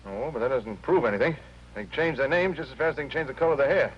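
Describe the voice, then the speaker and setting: An actor playing a brisk, cynical male hotel clerk with a wry, matter-of-fact manner in a 1950s TV drama. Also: mid-range voice, natural voice. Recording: dull lo-fi 1950s TV soundtrack with faint hum.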